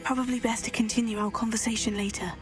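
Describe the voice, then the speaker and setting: A woman's voice: on the high side, flat delivery, fast, close to an everyday voice. An actress playing a curious young witch student in video game dialogue, asking direct questions. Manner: direct, inquisitive. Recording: game audio with loud music. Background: game music.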